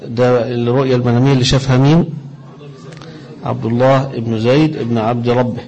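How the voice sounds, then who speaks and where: A man with an Egyptian accent explaining hadith in a religious lesson, reciting quoted phrases slowly and deliberately. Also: medium pitch, little pitch movement, dark tone, lo-fi sound. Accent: Egyptian Arabic. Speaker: religious teacher.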